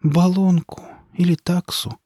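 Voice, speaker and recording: A male narrator voicing a fussy, kind elderly village woman who exclaims and frets in a high voice. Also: very animated, brisk, a little mellow, husky, dry recording, clean studio sound, heavily acted. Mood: fretting.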